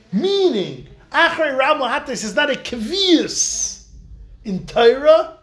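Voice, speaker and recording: A man teaching a Talmud class, emphatic, repeating key words for stress. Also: sits high. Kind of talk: Talmud lecture.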